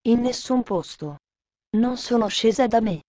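A woman voicing a shy, homesick little girl who speaks softly in a storybook reading. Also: on the high side, lively intonation, measured pace, dry recording. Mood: wistful.

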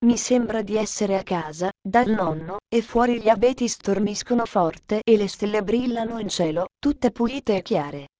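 A woman's voice: medium pitch, moderate pace, hardly any pauses, warm tone, dry recording, natural voice. A woman reading as a shy little girl. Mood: wistful. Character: little homesick mountain girl, shy and quiet.

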